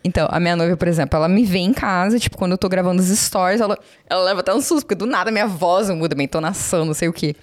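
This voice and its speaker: A woman's voice: on the low side, racing, few pauses. A Brazilian woman chatting casually as a guest, talkative and self-deprecating, with many fillers. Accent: Brazilian Portuguese. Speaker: guest, social media marketer. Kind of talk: casual conversation.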